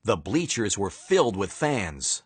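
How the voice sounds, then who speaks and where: A man narrating a children's storybook in a playful, animated way, with dramatic pauses. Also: fairly low pitch, very noisy.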